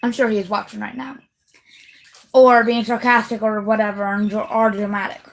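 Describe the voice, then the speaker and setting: A woman's voice: medium pitch, level tone, normal speed, low-quality recording. A woman venting on camera in a heated, repetitive rant, swearing and leaning hard on stressed words. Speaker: vlogger. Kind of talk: casual direct-to-camera rant.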